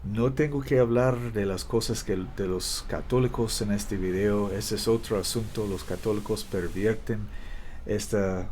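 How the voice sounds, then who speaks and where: A male preacher in Spanish, giving an emphatic, halting scripture sermon and correcting himself as he goes. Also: fairly low pitch, steady tone, a little mellow, a little hiss or hum. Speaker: preacher, minister.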